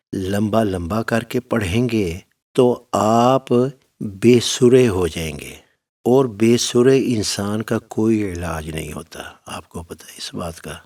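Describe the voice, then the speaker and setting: A man's voice: on the low side, darkish tone, far from the mic. A man teaching Quran recitation in a spoken lesson, talking to his students in a fatherly way and giving firm step-by-step instructions. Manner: fatherly, addresses listeners as "my son".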